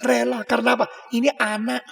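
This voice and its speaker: A man preaching a sermon in a large church hall, his voice pitched high for a man, with a long reverb trailing each phrase. He speaks, mixing colloquial asides and rhetorical questions with sudden loud, high-pitched bursts. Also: flat delivery, a little fast, vocal fry. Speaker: pastor.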